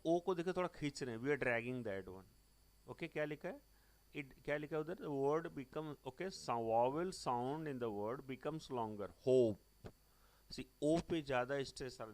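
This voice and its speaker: Man, Indian accent, grammar teacher, Hindi-English classroom explanation, spells words letter by letter, very slow delivery. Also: mid-range voice. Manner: repeats "look carefully" and spells words out letter by letter.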